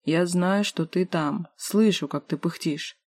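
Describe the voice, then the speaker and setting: A woman's voice: fairly low pitch, measured pace, no room sound. A woman reading a brash, teasing ancient man. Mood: pestering. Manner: brash, mocking, easygoing. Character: cheeky centuries-old man, big, teasing. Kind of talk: audiobook character voicing.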